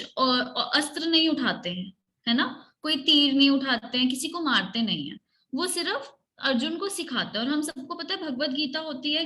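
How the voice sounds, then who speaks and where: A woman's voice: high-pitched, fairly bright tone. A woman teaching children in an online class, asking questions and having them repeat answers back. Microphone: computer mic on a video call.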